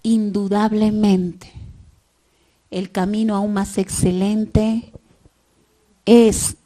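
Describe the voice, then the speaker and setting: A woman's voice: medium pitch, steady tone, measured pace, mellow. A woman preaching a Sunday sermon, often dropping to near whispers and rising to fervent cries.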